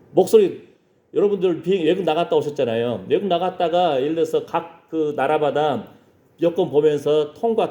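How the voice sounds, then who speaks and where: A man's voice: a little high, mellow. A man preaching a sermon as pastor, emphatic and conversational, with frequent rhetorical asides to his congregation.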